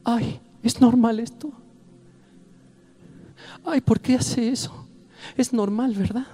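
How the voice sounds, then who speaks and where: A man's voice: very high voice, steady tone, takes it slowly, dark tone, husky, pitched above the performer's own voice, full character voice. A man putting on the voice of an anxious woman passenger who keeps asking for reassurance. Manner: fretful, seeking reassurance.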